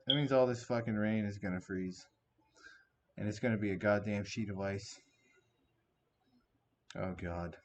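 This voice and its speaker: A man commentating his own online card game, swearing constantly and swinging between muttered gripes and shouted rants at his opponent. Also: lowish voice, muffled recording, a little hiss or hum. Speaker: gaming streamer.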